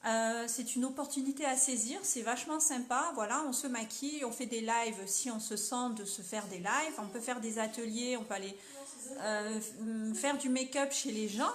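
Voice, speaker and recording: A woman's voice: on the high side, moderate pace, reverberant. A young French woman chatting casually as she sells makeup on a live stream, upbeat and full of fillers.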